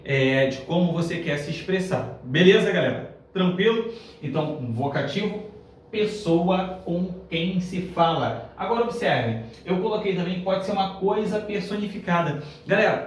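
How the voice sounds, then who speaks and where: A Brazilian man teaching grammar in an upbeat, explanatory way, slowing down on his examples and checking in with the class. His voice sits a bit high for a man. It sounds very echoey and distant, picked up from across a classroom with a faint hiss behind. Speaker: Portuguese teacher.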